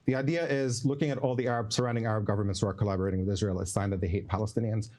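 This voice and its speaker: A man's voice: fairly low pitch, steady tone, rapid-fire, a little mellow. A man in his forties from the Middle East, arguing firmly and emphatically in a heated debate. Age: 40s. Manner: firm, emphatic, argumentative. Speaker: debate guest.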